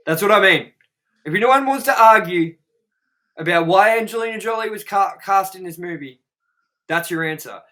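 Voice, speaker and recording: A high-pitched, bright, forceful voice at normal speed belongs to a young man co-hosting a movie review show. He reads trivia aloud and rambles in a blunt, profane way, leaning heavily on "like" as filler.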